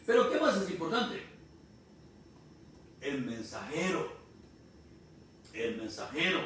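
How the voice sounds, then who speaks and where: A man from Honduras preaching a sermon, explaining slowly and repeating key phrases. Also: fairly high pitch, big pitch swings, a bit bright. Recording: distant mic in echoey room, faint noise.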